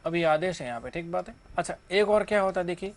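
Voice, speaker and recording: A man's voice: sits high, animated, quick pace. A man teaching English grammar to a class. He keeps asking the students questions and then answers them himself.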